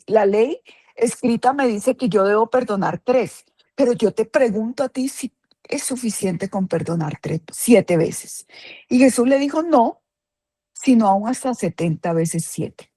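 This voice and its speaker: A woman's voice: a little high, mellow, no room sound. Emphatic woman teaching a Bible class. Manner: emphatic, questions the listeners and repeats key phrases.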